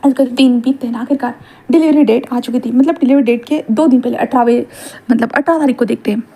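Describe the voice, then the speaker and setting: A female storyteller reading out a fan-fiction story at a brisk pace. She slips English words into her narration as she goes. The voice is high and mellow. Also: breathy edge. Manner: rapid mixing of Hindi and English.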